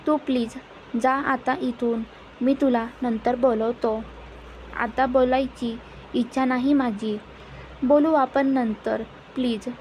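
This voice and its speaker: A woman's voice: sits high, fairly even intonation, takes it slowly, a little mellow, a little hiss or hum, rough recording. A woman reading the lines of a troubled young man who speaks curtly. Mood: irritated.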